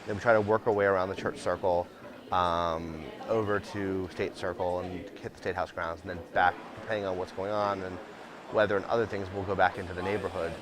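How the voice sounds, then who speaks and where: A man's voice: deep voice, little pitch movement, brisk, a crowd in the background. A middle-aged man speaking unscripted in an interview about his work as a tour guide, conversational and matter-of-fact. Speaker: ghost tour company owner and guide.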